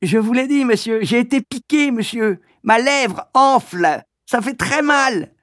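Man playing a whiny pleading schoolboy, high thin voice, dry sound. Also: lively intonation, measured pace, a bit bright, no room sound, exaggerated voice. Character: young schoolboy with swollen lip, pleading.

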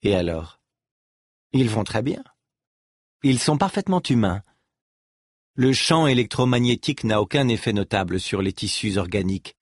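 A man voicing a calm, softly menacing male scientist in an audiobook reading. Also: on the low side, moderate pace, long pauses, husky, no room sound, clean studio sound.

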